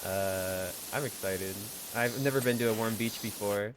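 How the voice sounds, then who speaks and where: A man's voice: lowish voice, normal speed, noisy background. A young man from Colorado chatting casually on a live stream, laughing easily and answering his chat. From Colorado, USA.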